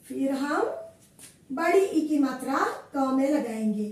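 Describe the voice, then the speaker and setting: A woman teaching at a very slow, patient pace, repeating each syllable. Her voice sits very high. It rings in a strongly echoing room, heard from some distance. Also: lively intonation, a little mellow. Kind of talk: slow classroom explanation.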